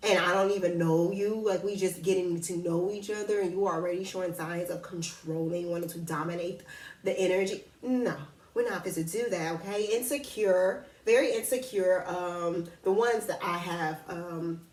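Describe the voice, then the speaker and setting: A woman with a lowish voice tells a story in a casual, slangy, blunt way. She gets animated as she talks. The sound comes from a little away from the mic in a roomy, echoey space. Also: normal speed, distant mic. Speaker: vlogger. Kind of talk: casual storytelling about dating and zodiac signs. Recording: echoey room, voice a bit off-mic.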